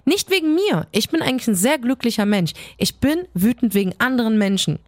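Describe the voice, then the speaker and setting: A woman co-hosts a casual podcast, telling her stories in a fiery, emphatic way. Her voice sits fairly high. The sound is dry and close, with almost no room around it. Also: expressive, dry recording. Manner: fiery storytelling, quick, emphatic. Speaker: podcast co-host.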